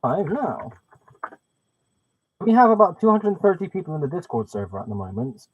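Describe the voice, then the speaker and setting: A man's voice: fairly high pitch, big pitch swings, moderate pace, husky, no room sound. A man chatting on a live stream and thinking aloud while fiddling with settings, his voice muffled and hollow through a webcam mic. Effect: muffled, hollow sound like talking through a pipe. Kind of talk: casual live-stream chat. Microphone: webcam microphone. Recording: dull, dry webcam mic sound.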